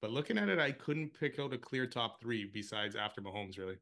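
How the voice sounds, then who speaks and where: Male podcast co-host, bright and forceful tone, relaxed, hesitant delivery. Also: mid-range voice, brisk. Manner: easygoing, hesitant with many uh fillers. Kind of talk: casual sports chat.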